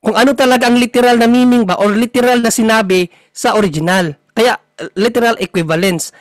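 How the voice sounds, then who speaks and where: High-voiced man explaining scripture. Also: fairly even intonation, no room sound, poor audio. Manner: explains patiently, reads Bible verses slowly and deliberately. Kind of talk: conversational Bible teaching.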